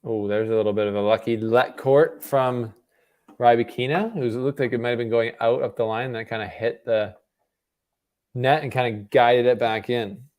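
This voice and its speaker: A young man from Canada talks through a tennis match for his live-stream viewers from home. His voice sits in an everyday middle pitch, and his talk is loose and conversational, full of fillers and restarts. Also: normal speed, smooth. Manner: relaxed, chatty, with filler words and self-corrections. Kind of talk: casual live watch-party commentary. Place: home room.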